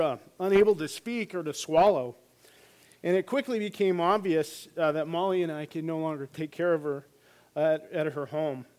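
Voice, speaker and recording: A man's voice: a little high, a little mellow. A middle-aged man, a hospice chaplain, giving a sermon with jokes and stories and many fillers. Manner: joking and storytelling with frequent fillers.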